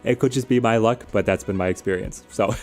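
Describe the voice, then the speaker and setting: A game streamer answers viewers' questions in casual live commentary, thinking aloud and explaining strategy conversationally. His voice sits on the low side and moves fairly quickly, with music in the background.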